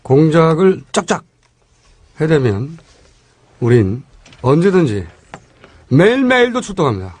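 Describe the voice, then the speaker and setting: A man hosting a political talk podcast in a casual, teasing style. His voice runs high and lively, rising and dipping a lot, and he talks slowly. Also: breathy edge. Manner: joking, teasing. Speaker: podcast host. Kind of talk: casual political comedy chat.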